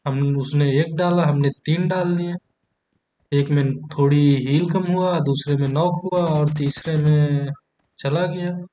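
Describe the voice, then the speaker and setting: A man's voice: fairly high pitch, steady tone, slow, mellow. A young man hosting a gaming channel, joking and bantering crudely with teammates as he narrates his match. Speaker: gaming YouTuber. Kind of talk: comedic gameplay commentary.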